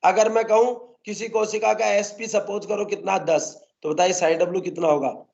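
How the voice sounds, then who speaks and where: A man's voice: sits high, steady tone, moderate pace, gravelly, darkish tone, highs cut off. Coaxing male teacher quizzing a class. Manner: coaxing, keeps asking students to answer. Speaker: botany teacher. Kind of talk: classroom lecture.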